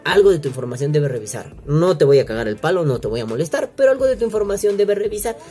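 Over soft background music, a Mexican-accented man hosting a vaping podcast launches into a crude, slangy, profane rant, mocking others and acting out the voices he quotes. His fairly high, dark-toned voice swings widely in pitch and moves fast, captured on a single home recording setup.

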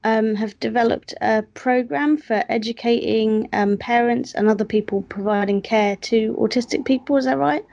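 A woman hosting a podcast interview, asking her questions gently with hesitant pauses. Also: on the high side, creaky, dull audio. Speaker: podcast host.

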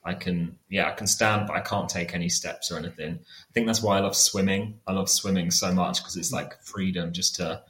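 A man in his late twenties talks casually as a guest on a podcast. His voice is fairly low, and the recording is clearly roomy and echoey. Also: steady tone, brisk, few pauses, fairly bright tone. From Cornwall, England. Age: late 20s. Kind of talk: casual conversation.

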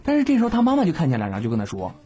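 A man's voice: fairly high pitch, huge pitch swings, very fast, dark tone. Playful man telling jokes. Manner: playful, laughs often, slangy. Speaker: comedy podcast host. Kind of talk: casual joke telling.

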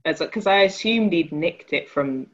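A woman co-hosting a casual film review chat, talking in a wry, animated way. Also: sits low, normal speed. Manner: wry, animated, mimics characters in quotes. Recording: dull lo-fi sound.

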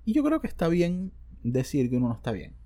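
A man's voice: on the high side, wildly swooping pitch, brisk, mellow. A man with a Venezuelan accent, hosting a casual solo podcast into a studio microphone, rambling and slangy with self-joking asides. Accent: Venezuelan Spanish. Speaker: podcast host.

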